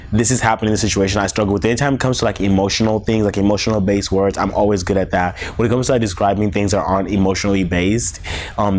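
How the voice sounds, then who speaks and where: A young Nigerian man whose first language is Yoruba speaks with a Nigerian accent in a low, darkish voice. His casual interview answers are halting and packed with "like" fillers.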